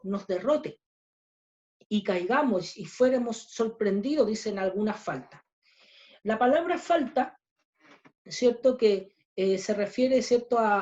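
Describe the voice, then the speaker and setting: A woman with a Chilean accent teaching a Bible study lesson in an unhurried, explanatory way, often tagging her phrases with a questioning "right?". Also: fairly high pitch, warm tone. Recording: dull lo-fi recording.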